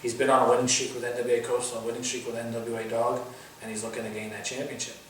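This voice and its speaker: This wrestling pundit talks in a casual interview, running through show previews like an announcer and listing titles and credentials one after another. He has a mid-range, fairly bright voice, speaks quickly, and stays monotone. A distant mic picks him up in a very echoey room, with faint noise behind him.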